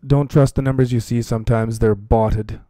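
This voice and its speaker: Speaking at a moderate pace with a steady, warm, medium-pitched voice, a man hosts a live stream and comments casually on cryptocurrency trading. He chats with viewers and repeats phrases for emphasis, captured in clean studio sound with no room sound.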